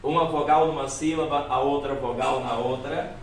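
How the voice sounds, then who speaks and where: A man's voice: mid-range voice, fairly even intonation. A male teacher from Brazil, explaining a grammar lesson and often checking in with his students. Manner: explains slowly, checks in with "certo?" and "tá bom?". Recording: echoey room, voice from a distance.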